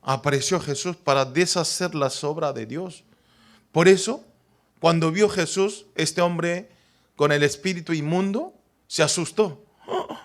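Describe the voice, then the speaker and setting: Korean-native male pastor preaching a sermon; high-pitched, emphatic, constantly checking in with listeners. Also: a little slow. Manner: emphatic, keeps asking the congregation "right?".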